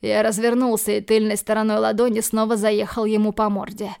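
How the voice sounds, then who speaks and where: A woman narrates an audiobook in the first person, reading steadily and evenly. Her intonation barely moves, and her voice has a gravelly fry. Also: medium pitch, little pitch movement, a little fast, darkish tone. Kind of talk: scripted narration.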